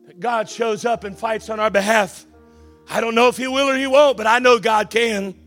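A man preaching a Pentecostal-style church sermon in an impassioned, declamatory way, often shouting and repeating phrases for emphasis. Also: extremely high pitch. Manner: emphatic repetition for effect.

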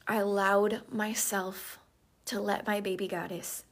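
A woman coach giving a live-stream self-help talk, soft and reflective, often half-whispered. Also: mid-range voice, flat delivery, a little slow.

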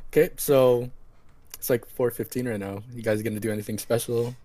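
A man running a tabletop game as game master, narrating in a relaxed way with frequent laughter. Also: mid-range voice, fairly quick, no room sound.

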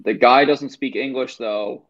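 A man's voice: mid-range voice, unhurried. Man recapping a film, muffled audio. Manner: animated storyteller, emphatic recaps. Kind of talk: casual chat retelling a film plot.

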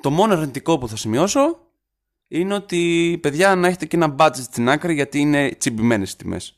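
A man's voice: on the high side, sing-song. A young man from northern Greece co-hosting a podcast in casual chat, teasing and often restarting his sentences. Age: young adult. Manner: chatty, teasing, trails off and restarts. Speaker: podcast co-host.

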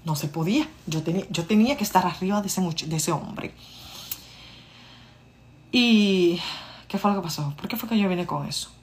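Animated woman telling a story. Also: on the low side, normal speed, long pauses. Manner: animated, addresses listeners directly, acts out dialogue. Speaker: vlogger. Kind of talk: casual storytelling monologue.

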